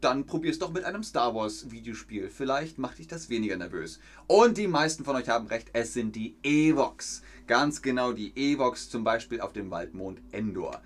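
A man's voice: medium pitch, animated, moderate pace. A man chatting casually on a live stream, reading viewer comments aloud with many hesitant fillers. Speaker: streamer hosting a fan quiz.

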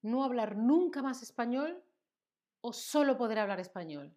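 Slightly high and mellow, with lively intonation, the voice belongs to a young Andalusian woman from Seville, southern Spain. She's leading a playful Spanish lesson over live stream, chatting and laughing often with viewers whose names she reads from the chat, while her word lists come out slow and full of hesitant fillers.

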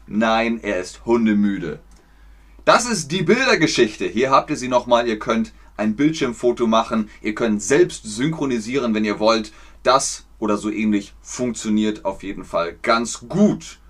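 A man from Germany teaching German on a livestream, explaining slowly, clearly and patiently. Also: lowish voice, lively intonation, fairly bright tone. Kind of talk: livestream language lesson.

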